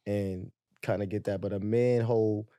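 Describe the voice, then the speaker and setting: A man chatting as a podcast guest, talking in a measured way that trails off. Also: fairly low pitch, fairly even intonation, mellow, clear, resonant tone, dry recording. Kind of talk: casual chat.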